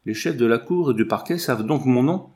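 A man's voice: mid-range voice, expressive, a little fast, darkish tone, lightly acted. A man reading the part of a troubled, secretive young captain who answers hesitantly. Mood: worried. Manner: hesitant, guarded.

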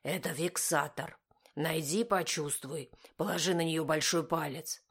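A woman reading a steady middle-aged man giving orders. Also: low voice, measured pace, husky, exaggerated voice. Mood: patient. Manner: steady, instructive, commanding. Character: calm middle-aged man, patient then stern instructor.

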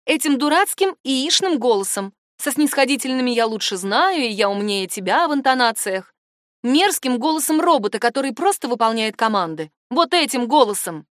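A woman voicing a stubborn, sharp-tongued older woman who talks back defiantly in a raised voice. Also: high-pitched, expressive, a little fast, no room sound, clean studio sound, voice pushed up.

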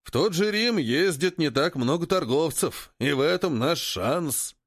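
A man voicing a sturdy, stocky old male cart driver who talks calmly and sensibly. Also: fairly high pitch, a little slow, dry recording, clean studio sound. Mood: lecturing. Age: older. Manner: calm, lecturing, wry.

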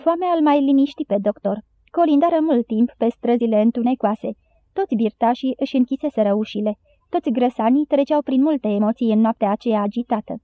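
Woman narrator, audiobook, higher voice, dry phone-like recording. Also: no room sound. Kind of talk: scripted narration. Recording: dry, tinny phone-like sound.

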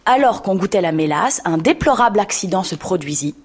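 An actress playing Alice, a polite, kind young girl in a radio drama, speaking gently and a little timidly. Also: mid-range voice, animated, fairly quick, breathy edge. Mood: reading aloud.

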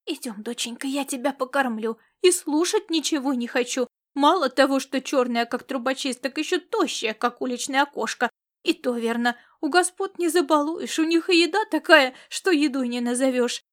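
A woman voicing a loud, bossy peasant mother who scolds and fusses in folksy speech. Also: high-pitched, moderate pace, lightly acted. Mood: fussing scolding. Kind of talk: audiobook character reading.

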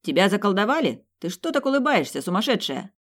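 A woman voicing an urgent young male fire mage who shouts his lines, in an audiobook. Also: low voice, moderate pace, lightly acted. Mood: urgent shouting.

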